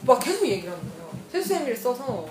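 A woman's voice: on the high side, fast talker, echoey room, a crowd in the background. A young woman co-hosting a casual podcast, telling a story with lots of laughter and acting out what was said. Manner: animated, laughs often, acts out quotes. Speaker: podcast co-host.

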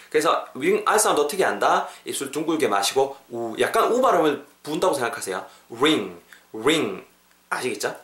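A man's voice: fairly high pitch, a bit bright, echoey room. A Korean-speaking man hosting a casual English lesson podcast, stretching out his English example phrases. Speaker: English teacher and podcast host.

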